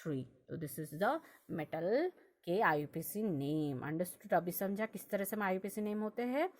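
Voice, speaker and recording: A woman's voice: medium pitch, lively intonation, a little slow, darkish tone, slight background noise. A young woman teaching a chemistry lesson, working through examples and asking her students questions as she explains. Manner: repetitive, checks understanding with questions. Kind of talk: classroom lesson explaining on a board.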